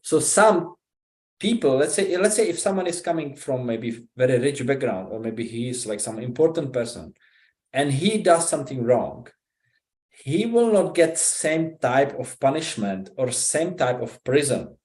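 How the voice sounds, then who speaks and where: A man's voice: medium pitch, big pitch swings, darkish tone. Man teaching in a roomy hall. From Czech Republic. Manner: conversational, halting, with frequent 'right?' and 'you know?'. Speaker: visiting speaker giving a scripture class. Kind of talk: informal scripture talk. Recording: roomy echo.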